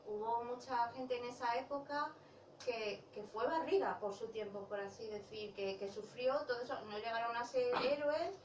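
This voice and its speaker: A woman's voice: a little high, moderate pace, muffled recording. A woman talks casually about her novel at a bookshop presentation, often restarting and correcting herself. She sounds somewhat far the mic, with the room adding a noticeable echo. A faint hiss sits under her voice. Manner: chatty, self-correcting, laughs while talking. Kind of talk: casual book talk.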